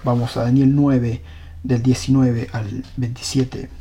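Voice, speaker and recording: A man's voice: medium pitch, little pitch movement, slow pace, warm tone, a little hiss or hum. A man preaching a sermon, reading scripture aloud and earnestly questioning his congregation.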